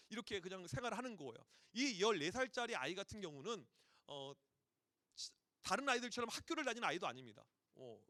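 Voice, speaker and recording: A male pastor preaches with a high, very animated voice that swoops through a wide range. He talks fast in a vivid storytelling manner, slipping into the voices of the people in his stories. The sound is close and dry. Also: no echo. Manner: lively storytelling, acting out voices of parents and children. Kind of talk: sermon at a youth retreat.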